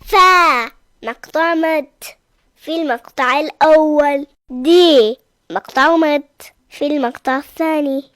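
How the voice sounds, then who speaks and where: A performer voicing an eager young child pupil in a cartoon lesson, answering slowly and carefully. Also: sits high, fairly bright tone, dry recording, studio quality.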